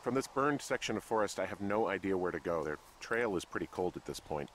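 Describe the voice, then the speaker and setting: A man's voice: deep voice, animated, a little fast, a bit bright, a little hiss or hum. An actor voicing a reserved man working as a fire lookout in a video game, with dry, understated replies. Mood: flat.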